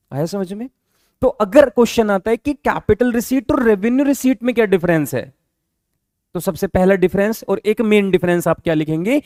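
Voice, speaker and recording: Here the fairly high-voiced man, darkish in tone, gives a patient classroom lecture on accounting and repeats the key terms. He keeps pausing to ask whether students understand. The recording sounds close and dry, with no reverb from the room.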